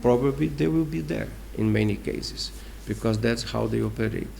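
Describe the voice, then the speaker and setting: Man, Brazilian accent, gravelly mid-pitched voice, unhurried, deliberate interview explanations, faint background noise. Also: warm tone. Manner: deliberate, emphatic, with pauses and rhetorical questions. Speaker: ambassador giving an interview.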